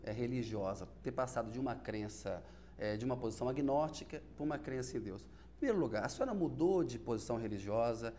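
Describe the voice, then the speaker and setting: A man's voice: medium pitch, lively intonation, fast, dark tone, a little hiss or hum. A man from Belo Horizonte, Brazil, interviewing a guest on television, prompting her and finishing her sentences.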